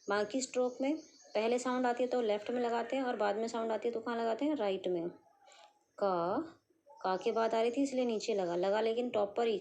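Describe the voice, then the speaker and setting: A woman teaching shorthand step by step, sounding out syllables slowly and answering her own questions. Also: fairly high pitch, a little mellow, slight background noise. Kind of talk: step-by-step lesson.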